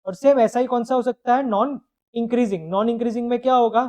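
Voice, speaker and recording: A man's voice: very high voice, quick pace, darkish tone. A man teaching a live online math lecture. He explains step by step, asks questions and answers them himself, and mixes English phrases into his explanation.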